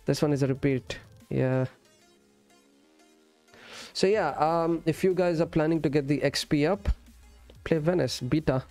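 Higher-pitched man chatting on stream. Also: a little slow, long pauses, a little mellow. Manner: friendly, addresses viewers as friend and brother, switches between English and Urdu. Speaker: game streamer. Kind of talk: casual live-stream chat while gaming. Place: indoor streaming setup. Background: music.

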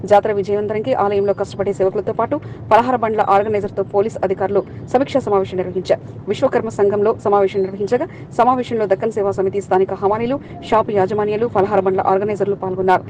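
Lady newsreader doing a voice-over, super fast, faint hiss behind. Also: medium pitch. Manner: rapid, even newsreading through long name lists. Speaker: news reader. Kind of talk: scripted news voice-over.

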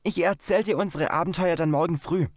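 A man's voice: a little high, fairly quick, dry recording, studio quality, pitched above the performer's own voice, lightly acted. A man voicing a keen, bossy boy who leads a gang of children, in a storybook reading, commanding and urgent.

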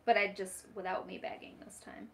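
A woman's voice: mid-range voice, level tone, brisk, vocal fry, crowd noise. A woman hosting a live stream from a shop basement, chatting casually and greeting viewers by name. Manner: casual, reads out viewer names and chats. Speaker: host running the live stream and camera.

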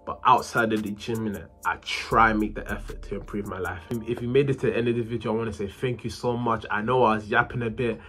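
A young man talking casually to camera in a small room, animated and full of slang. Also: lowish voice, fast, few pauses, faint music behind. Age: young adult. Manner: animated, slangy, hands moving while talking. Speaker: vlogger. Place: small bedroom, indoors.

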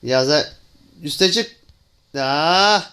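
A young man talks over his gameplay in a smooth, clear voice pitched a little high. He speaks casually to his viewers as friends and exclaims in frustration at the game. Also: expressive, takes it slowly, bright, forceful tone. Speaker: gaming channel host.

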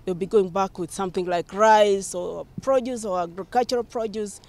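A man's voice: sits high, normal speed, darkish tone. A man giving a confident, upbeat statement to the press.

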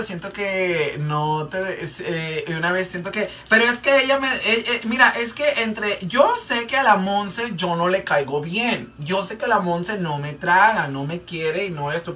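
A male makeup vlogger with a Mexican Spanish accent rambles through a casual gossip storytime while doing his makeup, full of fillers and repeats. His high voice is bright and forceful, caught on a distant mic with faint background noise.

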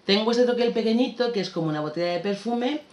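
A woman explains a scrapbooking project in a relaxed, conversational tutorial voice-over. She chats and muses aloud as she works. The sound is roomy, with faint music underneath. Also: medium pitch, quick pace. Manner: chatty, relaxed, thinking aloud while working. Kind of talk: casual craft tutorial voice-over.

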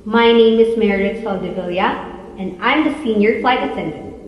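A woman in her twenties giving a formal, measured, scripted airport and cabin announcement as a flight attendant. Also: mid-range voice, muffled recording. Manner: formal, measured public-address delivery. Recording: echoey, reverberant, faint background noise.

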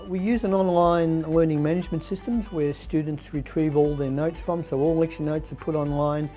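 A man's voice: a little high, steady tone, normal speed, dark tone, faint music behind. An older man on a college's staff, speaking steadily and with assurance in a promotional interview.

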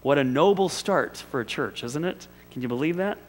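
A male pastor preaches in a church sanctuary in an animated, conversational storytelling way, full of rhetorical questions. His fairly high voice rises and falls a lot, and a long reverb trails after his words. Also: normal speed. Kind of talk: sermon.

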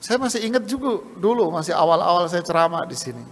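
A man preaching a sermon in a mosque, lively, and he often mimics scoffers and salesmen in quick asides. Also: sits high, long reverb tail. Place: mosque hall.

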